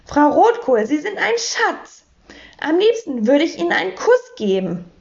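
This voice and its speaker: An odd, mild-mannered gentleman from a storybook, giddy and sing-song, his lines bouncing with lively pitch, as a woman reading aloud puts him on. The sound is muffled and lo-fi. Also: a little slow, vocal fry, heavily acted.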